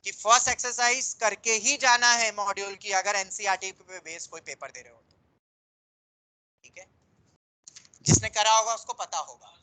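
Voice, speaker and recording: Guy teaching maths to a class, bright sharp voice, patient, mixes english words in, keeps saying beta. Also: high-pitched, poor audio. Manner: explains patiently, calls students beta, mixes English terms into Hindi. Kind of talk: classroom lecture. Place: classroom with students, also teaching online.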